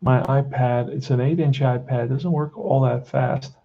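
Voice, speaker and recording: The recording is muffled as a man in his sixties from Queens, New York, casually walks through a tabletop baseball tutorial. He's blunt and plain-spoken and keeps saying "man" to the listener. His mid-range voice is dark in tone, steady and a little slow.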